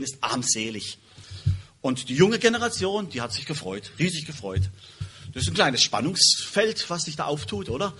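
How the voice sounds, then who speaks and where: A man preaching a sermon and reading Bible verses aloud, stressing words loudly and then dropping quietly, often restarting words. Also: mid-range voice, a little hiss or hum. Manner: emphatic, swings between loud stresses and quiet drops; self-correcting, restarts words.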